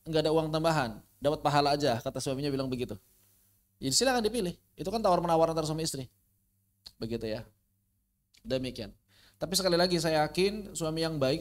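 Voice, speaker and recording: A man teaching an informal religious lesson online, asking rhetorical questions and swinging between quiet asides and animated emphasis. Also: a little high. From Indonesia. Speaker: Islamic studies teacher. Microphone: online class recording.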